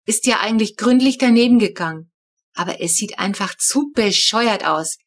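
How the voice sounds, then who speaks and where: A woman narrating a children's audiobook in the first person, with a lively, wry telling. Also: medium pitch.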